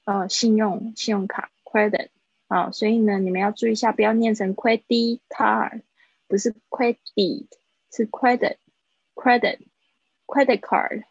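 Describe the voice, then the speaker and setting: A woman teaching English words in a live online lesson. She explains slowly and repeats each word for pronunciation. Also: medium pitch, flat delivery, gravelly, a little mellow, husky, no room sound. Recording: dull, dry livestream audio.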